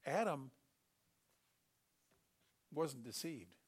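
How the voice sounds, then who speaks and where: A middle-aged man preaching a sermon, telling Bible stories with animated delivery and acting out the characters. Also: a little high, extremely slow, gravelly, slightly rough.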